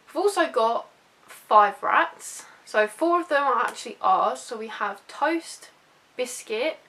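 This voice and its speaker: In a roughly recorded vlog, a young woman from the UK talks informally to camera, wandering off topic and making fun of herself. Her mid-range voice sounds a bit bright.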